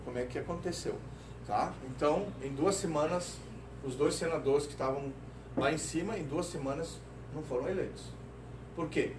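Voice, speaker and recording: A middle-aged man giving a lively company talk, telling stories and tossing in tag questions, recorded from a distance in a large room. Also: on the high side, moderate pace, background noise. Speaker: lecturer. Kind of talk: corporate safety-week talk. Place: company auditorium. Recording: roomy, distant lecture recording.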